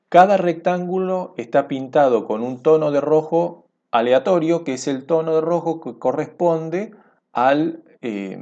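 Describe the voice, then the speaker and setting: A man's voice: mid-range voice, darkish tone, highs cut off. A man teaching a programming lesson over a screencast, explaining step by step and checking in with his listeners.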